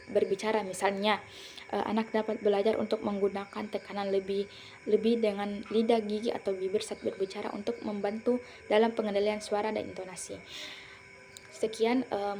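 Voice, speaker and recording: A young woman talks through a class presentation in a mellow, soft-toned voice, stopping now and then on fillers and restarting her words. Faint noise sits under the recording. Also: mid-range voice. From Indonesia. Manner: explanatory, with frequent fillers and self-corrections. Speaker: student presenter. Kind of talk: academic presentation.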